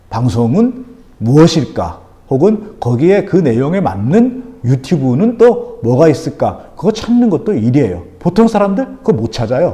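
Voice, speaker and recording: A man's voice: mid-range voice, warm tone. A middle-aged man, a teacher hosting his own channel, talking bluntly in casual commentary with rhetorical questions and acted-out quotes. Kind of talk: casual spoken commentary to camera.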